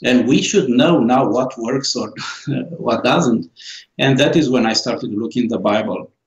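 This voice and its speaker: In interview answers, a male author in his forties with a Romanian accent speaks slowly and haltingly, full of fillers and restarts. He has a medium pitch. The audio is dull and roomy.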